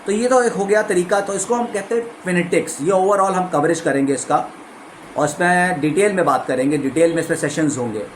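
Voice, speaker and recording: A man with an Indian accent, an English trainer, explaining in a clear lesson style and demonstrating phrases by shifting the stress. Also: high-pitched, a little fast, slight background noise, low-quality recording. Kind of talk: course overview lesson.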